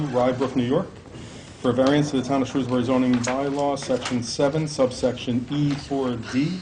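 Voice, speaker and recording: A man chairs a public hearing, reading out formal notices in a level, even tone that barely moves. He sounds steady and procedural, caught on a table mic in a hearing room with a constant hiss of background noise behind him. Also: medium pitch. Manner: steady, procedural, monotone delivery. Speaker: board chairman. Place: town board hearing room.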